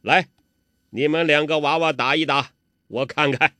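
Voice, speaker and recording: A man voicing a jovial old male beggar martial master who talks in a loud, gruff, bantering way. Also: on the high side, steady tone, normal speed, dry recording.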